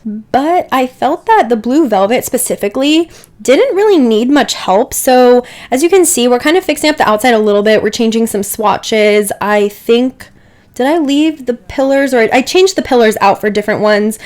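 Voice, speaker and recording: A young woman who builds in the Sims chats casually over a game build, full of asides and "like"s. She is getting over a cold, so her slightly high, slightly mellow voice sounds a little stuffy and dry at a normal speed.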